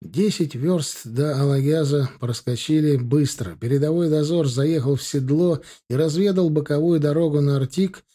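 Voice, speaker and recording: A man narrating a historical war story in a steady, measured reading. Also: fairly high pitch. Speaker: audiobook narrator. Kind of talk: scripted narration.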